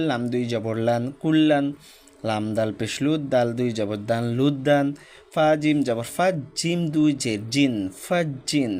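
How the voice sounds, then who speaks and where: Guy teaching quran reading, spells each letter out slow and patient, blends sounds, repeats a lot. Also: mid-range voice, darkish tone. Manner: spells out each letter and vowel mark, then blends the syllable; patient, step-by-step explaining. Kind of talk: slow, repetitive recitation drill.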